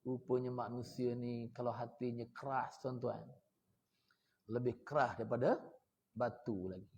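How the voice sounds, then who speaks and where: A man preaching a mosque sermon to a congregation. He keeps asking his listeners questions and breaks into sudden loud, high outbursts. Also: steady tone, a little slow.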